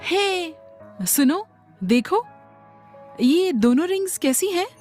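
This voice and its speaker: A woman plays a kind, eager young bride who chats brightly and affectionately. Her voice is high and very lively in pitch, with faint music underneath this dubbed romance drama. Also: slow, full character voice. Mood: warm. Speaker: voice actor. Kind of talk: Hindi dub acting.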